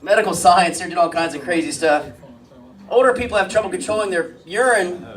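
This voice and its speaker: A man doing a stand-up comedy set with deadpan one-liners and crude jokes, on a comedy club stage. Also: sits high, a little fast. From Springfield, US. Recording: live club mic heard from a distance, light noise.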